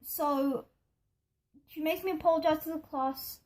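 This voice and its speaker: Unhurried and steady, a high-pitched voice with a darkish tone carries a young person's rambling, indignant vlog story, complete with acted-out quotes from other people. The speaker is a video storyteller, and music plays in the background.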